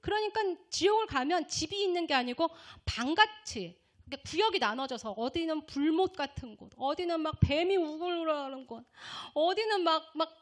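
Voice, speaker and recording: A woman's voice: lively intonation, moderate pace, few pauses. A woman missionary preaching a revival sermon, emphatic, asking the congregation questions and answering them herself. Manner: acts out shouting voices in a high pitch.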